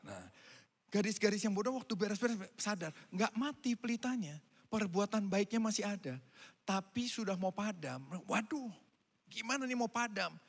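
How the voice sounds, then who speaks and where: Animated man preaching in a reverberant hall. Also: high-pitched, normal speed, gravelly. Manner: animated preaching, swinging from loud calls to quiet asides. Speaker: pastor. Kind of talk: sermon. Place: church hall.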